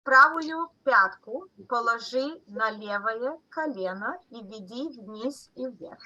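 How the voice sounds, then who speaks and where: Over a video call, a woman doctor whose first language is Russian teaches stroke exam phrases to colleagues, coaching slowly and patiently with laughter. Her slightly high voice has lively intonation and a sharp tone. The computer mic gives a muffled sound with no room echo.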